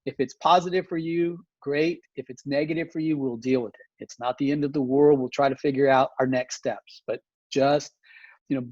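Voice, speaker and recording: Man lawyer rambling thru a story, voice a bit high, sounds dull and dry like a muffled mic. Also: a little mellow, dry recording. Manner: long rambling anecdotes with many "you know"s. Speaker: family law attorney, podcast co-host. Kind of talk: casual storytelling chat.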